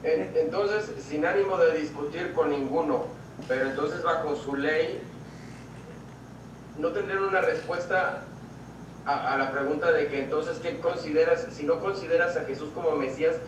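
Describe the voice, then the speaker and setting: A man in a church Bible study asks careful, hesitant questions. His voice is fairly high. He is heard from across a very echoey room, with clear noise behind him. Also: normal speed. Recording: echoey room, far from mic, noisy.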